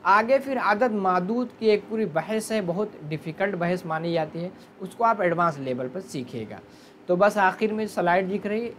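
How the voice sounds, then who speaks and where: Low-voiced woman teaching a lesson. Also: slight background noise. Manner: explaining step by step, asking and answering her own questions. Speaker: Arabic teacher. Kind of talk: online grammar lesson.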